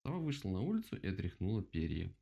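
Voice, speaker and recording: A man reading a children's storybook aloud in an expressive storytelling manner. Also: low voice, fast, gravelly, muffled recording. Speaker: reader.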